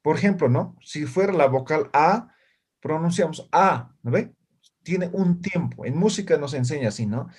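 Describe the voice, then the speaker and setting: Expressive and speaking at a normal speed, a male language teacher with a high-ish, husky, slightly mellow voice runs a classroom lesson. Short questions to students follow almost every phrase, and you can hear them answering in the room.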